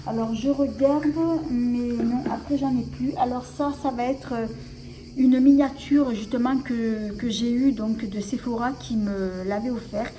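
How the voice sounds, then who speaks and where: A woman's voice: a little high, steady tone, unhurried, warm tone, a little hiss or hum, rough recording. Hesitant woman showing off her perfumes. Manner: hesitant, many fillers and restarts. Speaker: beauty vlogger. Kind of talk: casual show-and-tell vlog.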